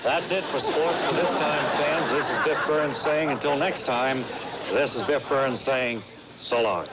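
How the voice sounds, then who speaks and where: A man playing a hearty, unflappable sports interviewer in a deadpan sportscast parody, glib and folksy with grandiose phrasing. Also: mid-range voice, a little slow, very noisy, close to an everyday voice.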